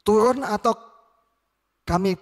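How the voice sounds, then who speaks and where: Arrogant soldier snapping orders, loud and raised, put on by a male preacher, echoey hall. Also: high-pitched, takes it slowly, voice pushed up. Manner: harsh, shouted commands.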